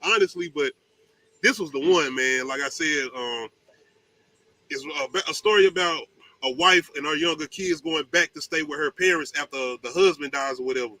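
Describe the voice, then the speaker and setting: A man presents a casual top ten countdown in a bright, forceful voice pitched a little high. His talk is slangy and emphatic, with swearing mixed into the commentary. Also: normal speed, low-quality recording. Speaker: host of a movie countdown show.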